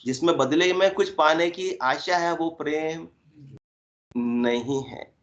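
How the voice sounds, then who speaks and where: A man giving a spiritual discourse, explaining by asking and answering his own questions and drawing out verse lines slowly. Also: on the high side. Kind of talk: Hindi satsang discourse. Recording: dull lo-fi recording.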